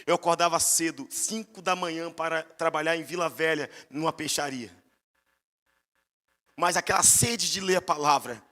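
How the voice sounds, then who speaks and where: A man's voice: on the high side, normal speed, pushed and bright, long reverb tail. A man with a Brazilian accent, a pastor preaching a sermon and telling stories with emphatic rises in his voice.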